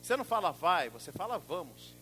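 A middle-aged man preaching a sermon, emphatic, swinging from loud exclamations to soft asides. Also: sits high, lively intonation, moderate pace, soft background music.

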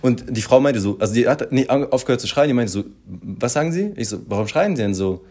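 Quick chatty man, animated storyteller, acts out the quotes. fast, mid pitch. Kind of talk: casual chat.

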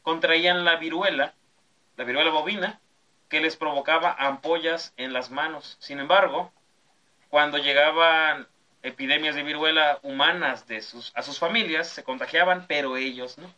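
A man's voice: fairly high pitch, fairly even intonation, normal speed, sharp tone, lo-fi sound. A man, hosting a podcast and reading history notes between jokes with his friends. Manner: reads steadily, breaks into laughs at jokes. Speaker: podcast host.

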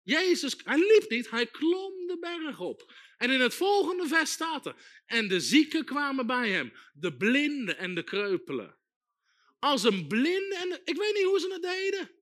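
A man preaching a sermon with emphatic repetition, building to loud exhortation. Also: very high voice, big pitch swings, a little slow.

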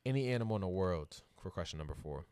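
A man's voice: sits low, lively intonation, quick pace, darkish tone. An American man chatting casually with friends as he hosts, slangy and emphatic, often repeating himself for effect. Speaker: host of a group chat. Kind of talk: casual chat among friends.

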